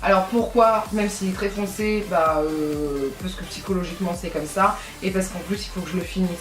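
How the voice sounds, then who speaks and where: A woman's voice: fairly low pitch, normal speed. Chatty french beauty vlogger lady, rambles and corrects herself a lot, roomy echo, bit far from mic, faint music behind. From France. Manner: rambling, self-correcting, chatty with many fillers. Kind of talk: casual makeup tutorial chat.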